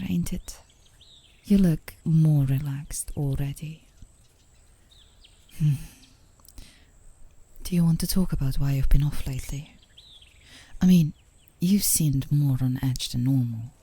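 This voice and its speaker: In an intimate ASMR roleplay, a woman plays an affectionate, teasing girlfriend on a park date, speaking close to the mic. Her low-pitched, full character voice is soft and breathy, often a whisper, and she sounds caring and gentle, soothing and playfully coaxing with small chuckles.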